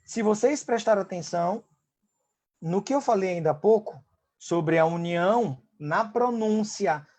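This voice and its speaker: A man's voice: high-pitched, animated, measured pace, darkish tone. A Brazilian man teaching an online Spanish class, explaining step by step and checking in often with his students. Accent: Brazilian Portuguese.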